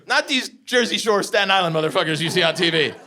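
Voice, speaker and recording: A man's voice: sits high, expressive, fast, noisy background. A man in his forties doing a stand-up comedy set, telling brash, profane stories and acting out the quotes. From United States. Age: 40s. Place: comedy club stage before a laughing audience. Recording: live club recording with crowd laughter.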